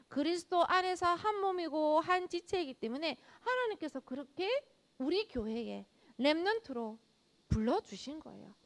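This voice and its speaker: A woman preaching a children's sermon at a church, speaking straight to the kids, asking them many questions and acting out what children might say. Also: high voice. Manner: addresses children directly with frequent rhetorical questions; acts out children's speech in quoted lines.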